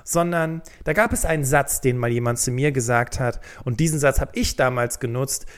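A man's voice: mid-range voice, clean tone. Guy doing a solo career podcast, talks right at you, keeps checking "okay?". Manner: speaks directly to the listener, checks in with a quick "okay?". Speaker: podcast host.

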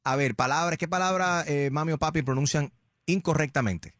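Brief: lively male morning radio host, slightly high voice, teasing, bilingual banter. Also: brisk, dry recording, studio quality. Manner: playful, laughing, switches between Spanish and English.

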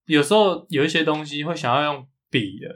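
A man's voice: on the high side, fairly quick, fairly bright tone. A man with a light Taiwanese Mandarin accent, chatting casually as a podcast co-host. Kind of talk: casual chat.

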